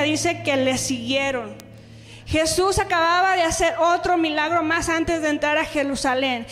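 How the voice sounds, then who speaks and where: A woman preaching a sermon, reading scripture and praying in an earnest, emphatic way. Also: sits high. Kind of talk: sermon with Bible reading and prayer. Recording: reverberant hall, faint music behind.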